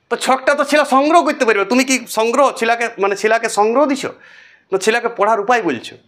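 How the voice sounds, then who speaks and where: Lively man chanting lesson lists. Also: high voice. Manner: sing-song chanting of memory lists; lively, repetitive, talks straight to students. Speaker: teacher. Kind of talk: whiteboard biology lesson.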